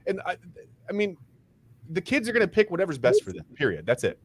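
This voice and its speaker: A man's voice: high-pitched, wildly swooping pitch, fast talker, slight background noise. A man co-hosting a casual sports podcast, who talks emphatically and repeats words when he gets worked up. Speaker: co-host.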